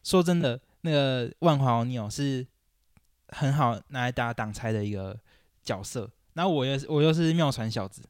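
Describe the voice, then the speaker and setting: A man's voice: mid-range voice, moderate pace, clear, resonant tone, no echo, studio quality. A young man, co-hosting a podcast, complaining animatedly and acting out quotes. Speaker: podcast co-host. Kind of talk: casual chat about basketball.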